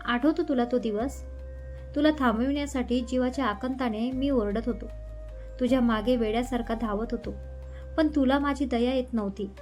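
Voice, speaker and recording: A woman storyteller voicing a furious young man who shouts bitter accusations at his former love. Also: on the high side, steady tone, normal speed, faint music behind, lightly acted.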